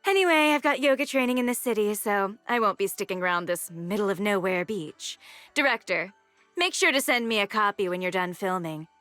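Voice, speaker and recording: A woman's voice: medium pitch, expressive, brisk, a bit bright, dry recording, faint music behind, lightly acted. A woman playing a snobbish rich young heiress and sorority president in an anime game, condescending and mockingly polite. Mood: smug, disdainful.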